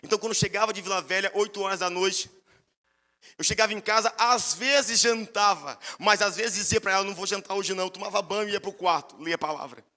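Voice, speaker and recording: A man's voice: high-pitched, fairly quick, bright, forceful tone, in a large hall. A man with a Brazilian accent, a pastor preaching a sermon and telling stories with emphatic rises in his voice.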